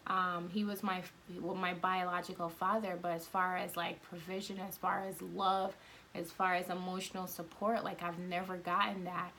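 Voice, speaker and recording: A woman's voice: on the low side, little pitch movement, moderate pace, pushed and bright, a little hiss or hum. A woman from Guyana in her thirties, talking candidly and rambling with lots of fillers in a casual podcast chat.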